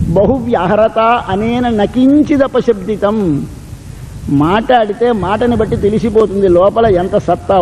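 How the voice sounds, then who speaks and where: A man's voice: sits high, warm tone, long reverb tail, a little hiss or hum, low-quality recording. A man giving a devotional discourse, quoting Sanskrit verses and explaining them line by line. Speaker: religious discourse speaker.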